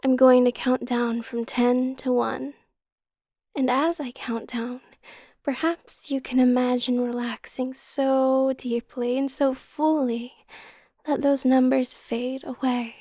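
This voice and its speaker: Slow, soft whispery woman hypnotist, high-pitched. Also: little pitch movement, no room sound, studio quality. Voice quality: soft, breathy, partly whispered. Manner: slow, soothing hypnotist delivery. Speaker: hypnotist guide. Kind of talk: whispered hypnotic induction, ASMR.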